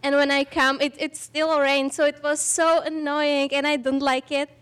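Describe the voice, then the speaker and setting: A woman's voice: high voice, level tone, normal speed, fairly bright tone. A young woman from Slovakia, chatting eagerly as she introduces herself as an exchange student.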